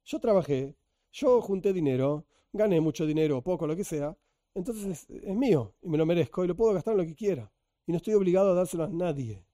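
Man, Argentine accent, religious teacher, animated, high-pitched, very dark mellow tone. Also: brisk, no echo, clean studio sound. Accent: Argentine Spanish. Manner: animated, acts out voices of a selfish giver.

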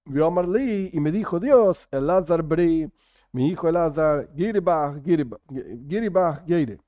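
A man teaching a Talmud study class. He reads the Aramaic slowly and then explains it casually. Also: on the high side, animated, mellow, dry recording, muffled recording.

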